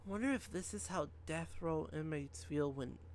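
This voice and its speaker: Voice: mid-range voice, moderate pace, darkish tone, a little hiss or hum. A game streamer reading story text aloud during a live playthrough, stumbling, rereading and chatting to viewers.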